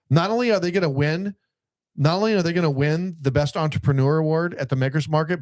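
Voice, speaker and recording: A man's voice: medium pitch, darkish tone, no echo. Wry man hosting a local podcast. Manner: wry, mock-sarcastic asides. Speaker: podcast host. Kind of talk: casual community podcast chat.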